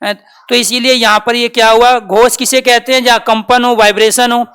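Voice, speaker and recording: Male teacher, exam-prep lecture; even, level delivery, keeps asking listeners questions and answering them. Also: very high voice, normal speed, clean tone. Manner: repeats key terms and quizzes listeners with rhetorical questions; addresses listeners as dear friends.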